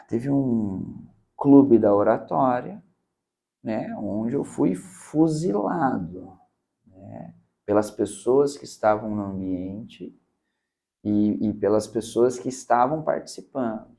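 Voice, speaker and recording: Gravelly-voiced Brazilian man, emphatic. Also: mid-range voice, takes it slowly, long pauses. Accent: Brazilian Portuguese. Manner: emphatic, animated, says "cara" and "né" often. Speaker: public speaking mentor. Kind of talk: casual interview talk.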